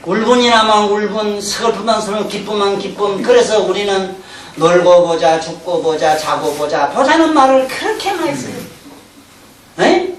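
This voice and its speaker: A Buddhist teacher gives a colloquial, animated sermon, often acting out everyday talk and laughing. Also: mid-range voice, moderate pace. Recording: roomy hall from a distant mic, faint hum.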